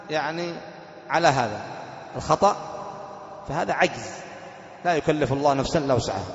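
Man teaching in an echoey hall. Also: fairly high pitch. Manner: explains step by step, repeating key points; slows to recite Quran verses with careful stress. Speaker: sheikh teaching fiqh. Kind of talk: religious lesson. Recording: echoey hall, dull lo-fi sound.

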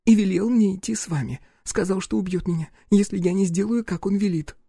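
A man voicing a frightened, tearful young woman who pleads for help in a high, tremulous voice. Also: fairly quick, vocal fry, warm tone, breathy edge, no room sound, full character voice. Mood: terrified pleading.

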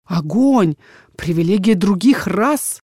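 A woman's voice: medium pitch, expressive, slow, darkish tone, breathy edge, no echo, studio quality. A woman reading the part of a stern, domineering middle-aged father in an audiobook, speaking in a commanding, cold and dismissive way.

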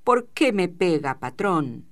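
A burly gaucho sheep shearer talks back with sly insolence, as a woman reading a storybook puts him on. His voice sits much higher than the narration and comes out loud. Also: sing-song, slow. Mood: feigned humble. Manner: insolent, mocking.

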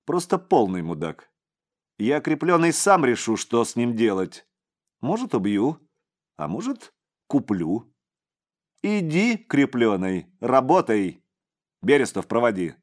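A man's voice: medium pitch, big pitch swings, slow pace, long pauses, voice pushed up. A man voicing a domineering middle-aged crime boss who barks out scolding commands. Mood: commanding.

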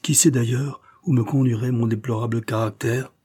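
A man's voice: medium pitch, steady tone, normal speed, mellow, husky, lightly acted. A man reading aloud, voicing a remorseful young man who confesses his faults to his mother with heated emotion. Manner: emotional and self-accusing.

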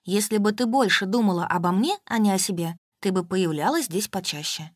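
A woman's voice: mid-range voice, no room sound, studio quality, lightly acted. Woman doing a nagging, self-pitying old mother. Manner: reproachful, whining, rapid complaining.

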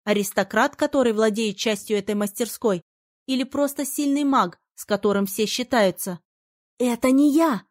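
Brief: female audiobook narrator, lively first-person fantasy reading, fairly high, dry studio sound. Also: moderate pace, no echo.

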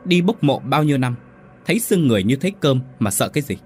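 A man's voice: mid-range voice, animated, fairly quick, a little mellow, soft background music, natural voice. A man voicing a brusque older brother who scolds his sibling in a spoken ghost story. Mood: gruff. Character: gruff older brother, tough tomb-digger.

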